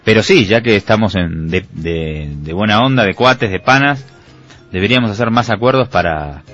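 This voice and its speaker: A man in his thirties with an Argentine accent co-hosts a radio show, casual, joking and opinionated. His voice is lowish and fairly bright, animated at a moderate pace. The audio is dull lo-fi radio with faint music underneath.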